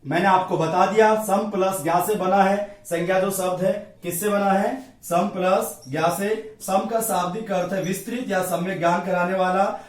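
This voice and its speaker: A man's voice: sits high, fairly even intonation, normal speed, hardly any pauses. A male Hindi grammar teacher giving an exam-prep lecture at a board, drilling each point by asking a question and answering it himself. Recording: echoey room, voice from a distance.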